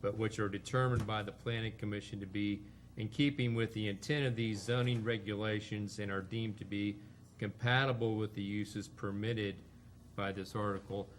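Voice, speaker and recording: Male meeting member: lowish pitch, formal reading and questioning, faint room noise. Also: steady tone, normal speed.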